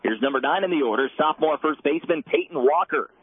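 A man giving brisk, stat-heavy play-by-play of a softball game, heard as a loud, dense radio broadcast. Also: a little high, lively intonation, husky. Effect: loud dense radio broadcast sound. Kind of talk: live softball commentary. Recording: narrow tinny radio band, faint hiss.

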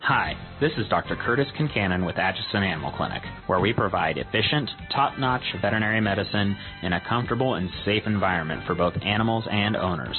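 Low-voiced man in a radio ad, taped. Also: expressive, quick pace, few pauses, narrow, tinny audio. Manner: upbeat, promotional. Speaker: veterinarian in a radio ad. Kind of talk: scripted radio commercial. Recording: thin radio audio over music.

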